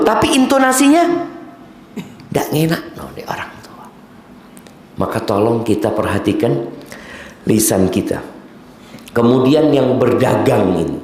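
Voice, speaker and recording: Animated preacher in a booming echo hall. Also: male voice. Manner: lively, mixes in Javanese words and Arabic recitation. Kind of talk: sermon. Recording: very echoey hall, faint noise.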